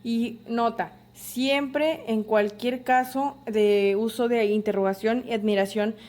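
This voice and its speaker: A woman reading a spelling and grammar lesson aloud, with a steady, list-like delivery of rules and examples. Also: a little high, slow pace. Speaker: teacher.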